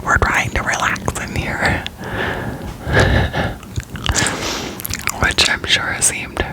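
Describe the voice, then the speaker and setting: A young American woman from Florida whispers an informal, unscripted ASMR ramble, breathy and up close to the microphone. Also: low-quality recording. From Florida, United States. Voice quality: whispering throughout, breathy and unvoiced. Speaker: ASMR creator.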